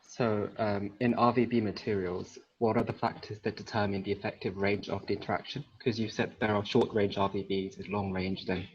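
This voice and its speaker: Man, audience member, polite question, low voice, muffled call audio. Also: little pitch movement, brisk, few pauses, slightly rough. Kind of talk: online Q&A question.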